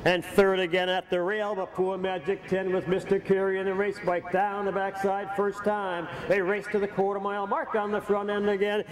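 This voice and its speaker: High-voiced folksy harness race announcer. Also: male voice, little pitch movement, moderate pace, hardly any pauses. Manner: folksy, joking asides to the crowd. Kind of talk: live harness race commentary. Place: outdoor county fair racetrack. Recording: echoey PA sound from far off, outdoor noise.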